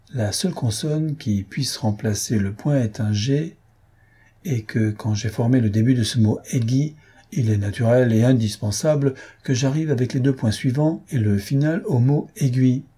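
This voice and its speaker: A man voicing a sharp young male detective who reasons aloud step by step. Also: mid-range voice, breathy edge, lightly acted.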